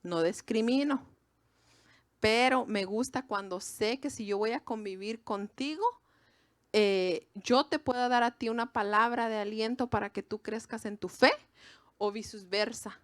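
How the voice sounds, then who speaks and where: A woman's voice: fairly high pitch, unhurried, no echo, clean studio sound. A woman from Mexico with a Mexican accent, giving an informal sermon to a women's gathering in a conversational way, with asides to her listeners. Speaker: preacher.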